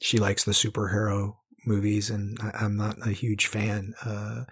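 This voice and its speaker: A man hosting a casual interview, relaxed and stopping often with fillers and restarts. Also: on the low side, a little slow, husky. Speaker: interviewer, podcast host.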